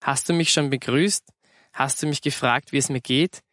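A man's voice: mid-range voice, steady tone, moderate pace, a bit bright, lightly acted. A worn-out working mother with a dry, weary way of speaking, as a male narrator voices her. The voice stays in a middle register, close to his own. Recorded dry with no room echo. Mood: exasperated.

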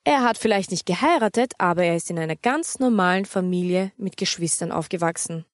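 Woman as a calm, wry storybook mother. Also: fairly low pitch, brisk, no echo, studio quality, natural voice. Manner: calm, gently teasing.

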